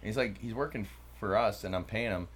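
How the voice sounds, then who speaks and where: A man with a mid-Atlantic American accent chats and jokes as a podcast co-host. His voice sits a little low and he rambles playfully. A light hiss runs under the recording. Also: fairly quick. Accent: mid-Atlantic American with Midwestern bits. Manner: joking, rambling, slips into playful put-on accents. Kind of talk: casual chat.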